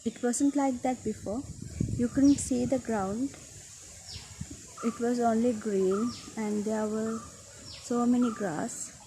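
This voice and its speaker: A woman with a fairly high voice talks casually as she films a nature vlog in a garden. She speaks slowly, in short halting phrases with room between them. Wind hits the phone mic clearly and birds chirp behind her. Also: fairly even intonation, dark tone, poor audio. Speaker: vlogger. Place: outdoors in a garden on a windy day. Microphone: handheld phone.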